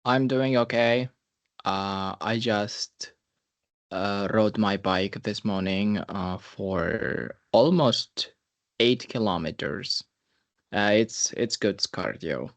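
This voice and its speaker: Low-voiced, slow-talking young man. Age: 20s. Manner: earnest, reflective, gives brotherly advice. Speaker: podcast host. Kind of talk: casual podcast chat.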